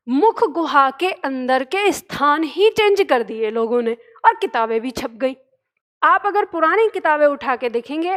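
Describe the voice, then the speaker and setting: A woman's voice: high-pitched, fairly bright tone. A woman teacher giving an online grammar lesson, explaining step by step and saying the sounds aloud for students to copy.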